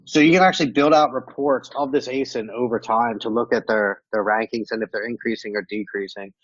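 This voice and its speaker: A mid-range male voice, steady and fairly quick, is heard with no echo and lo-fi sound. The speaker's accent is American mixed with Romanian. Acting as a guest expert on a podcast, he demonstrates software and casually walks through what's on screen, using many fillers such as "um" and "like."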